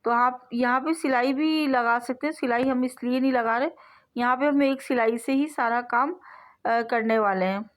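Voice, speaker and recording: A woman's voice: a little high, moderate pace. Patient woman explaining sewing steps. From South Asia. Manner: patient step-by-step explaining, repeats phrases. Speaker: sewing tutorial host. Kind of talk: instructional voice-over.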